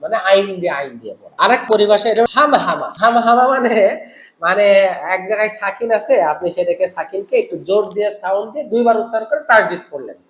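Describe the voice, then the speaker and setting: A man's voice: high voice, fairly bright tone, roomy sound. A man teaching Quran recitation in an online lesson, explaining each rule and chanting short examples.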